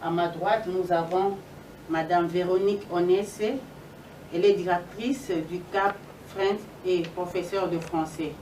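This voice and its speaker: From some distance in a reverberant, noisy room, a woman addresses an event as moderator. Her voice is on the low side. She is emphatic and repeats phrases to stress them. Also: fairly even intonation, unhurried, darkish tone. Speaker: event moderator introducing speakers. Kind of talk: public address.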